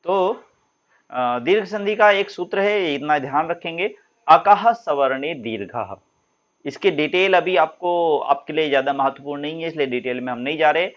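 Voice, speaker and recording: Man teaching grammar, slightly high voice. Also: moderate pace, highs cut off. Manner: explains patiently, addresses students as children, draws out example sounds. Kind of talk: classroom lesson.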